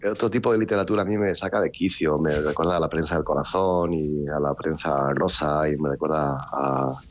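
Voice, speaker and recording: Very deep-voiced wry man. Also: steady tone, a little fast, lo-fi sound. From Basque Country, Spain. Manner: rambling, restarts often, wry and ironic. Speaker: novelist being interviewed. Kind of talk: casual interview talk.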